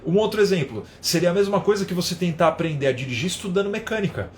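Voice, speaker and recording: A man teaching in a live online lesson, explaining with everyday examples and often adding a quick tag question. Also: high-pitched, a little hiss or hum. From São Paulo, Brazil. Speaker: English teacher.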